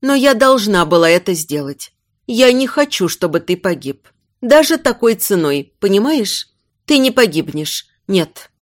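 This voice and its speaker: A woman's voice: mid-range voice, sing-song, measured pace, no room sound, studio quality. A woman playing a frantic pleading young queen. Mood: urgent. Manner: raised, pleading, near tears.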